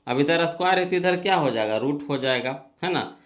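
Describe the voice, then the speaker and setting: A man's voice: on the high side, animated, fairly quick. A young man teaching an exam-prep math lesson, working through problems step by step, asking and answering his own questions and repeating key phrases.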